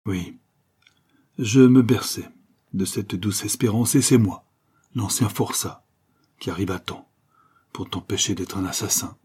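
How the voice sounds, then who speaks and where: A man's voice: fairly low pitch, measured pace, long pauses, dark tone. A man reading a grieving old ex-convict miller, pleading with his son in a muffled, breathless voice. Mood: tender grief. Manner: hoarse, breathless, emotional pleading.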